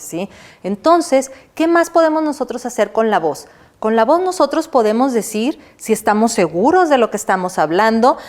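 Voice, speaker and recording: A university lecturer from Mexico who teaches a recorded class, asking the class questions and answering them herself, and checking in with "¿sí?". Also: female voice, mid-range voice, a little mellow. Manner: checks in with the listener by adding "¿sí?"; demonstrates walking and a pencil exercise while she talks.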